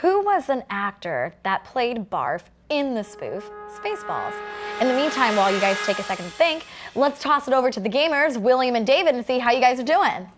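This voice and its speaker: A woman's voice: on the high side, sing-song, a little fast, over music. A woman co-hosting a casual show, upbeat as she links segments. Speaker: co-host.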